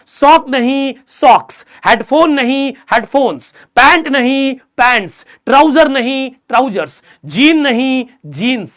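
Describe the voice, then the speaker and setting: A young man teaching an English chapter to students, reading lines slowly and explaining them, repeating key words as drills. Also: very high voice, fairly bright tone, clear, resonant tone. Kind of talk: explaining a textbook chapter in class.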